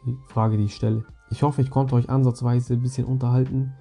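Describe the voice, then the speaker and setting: A man's voice: mid-range voice, flat delivery, quick pace, warm tone, soft background music. A young man hosting a podcast alone, telling stories casually in slang. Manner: slangy, rambling, addresses listeners directly. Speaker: podcast host. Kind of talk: casual storytelling monologue.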